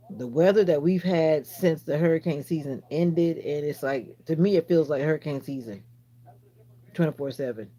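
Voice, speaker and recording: A woman with a low-sitting, darkish voice hosts a casual livestream from her phone. She chats directly to viewers, answering their comments and wandering into rambling asides.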